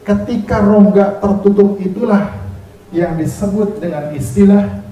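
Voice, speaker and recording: A man's voice: high voice, a little slow, warm tone. A man teaching Quran recitation rules to a class, counting them in, drilling terms and teasing them with praise. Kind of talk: classroom tajwid lesson with call and response. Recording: echoey room from far off, noisy crowd.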